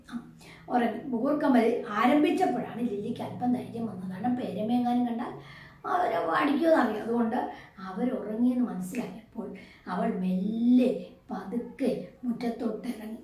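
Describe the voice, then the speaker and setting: A woman teacher with a somewhat high, mellow voice, talking through a story lesson. She keeps asking her pupils questions and answers them herself. She is heard from some distance in a very echoey room. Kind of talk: explaining a story lesson to a class.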